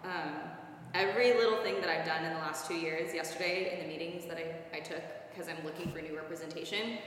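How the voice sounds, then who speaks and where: A woman's voice: deep voice, a bit bright, distant mic, slight background noise. A woman in her twenties, an actress and guest, talking earnestly and casually with a lot of "like". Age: 20s. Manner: chatty, earnest, lots of "like". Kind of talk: casual interview. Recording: very echoey room with long reverb.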